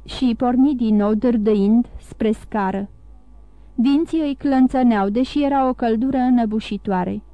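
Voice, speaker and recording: A woman's voice: fairly high pitch, no echo, highs cut off. Woman narrating a classic novel. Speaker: audiobook narrator. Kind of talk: scripted narration.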